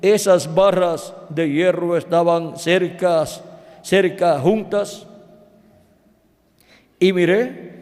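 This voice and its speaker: A fairly high-voiced man preaching a sermon at a deliberate, unhurried pace. He speaks haltingly, breaking off words and restarting them. His voice rings out with the long echo of a big hall. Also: darkish tone. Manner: halting, with restarts and self-corrections. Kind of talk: sermon, retelling a dream account. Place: church hall. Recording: long reverb of a large hall.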